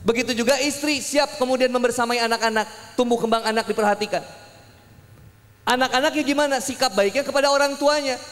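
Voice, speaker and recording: A young man delivers a sermon in a lively, joking storytelling way. His voice sits high for a man. It rings out with a long echo through a big hall. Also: quick pace. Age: young adult. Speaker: preacher. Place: public hall gathering.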